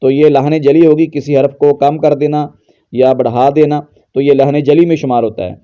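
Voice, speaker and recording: A man teaching Quran pronunciation, explaining patiently and slowly chanting verses as examples. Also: a little high, steady tone, mellow, clear, resonant tone, muffled recording. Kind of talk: tajweed lesson with recitation.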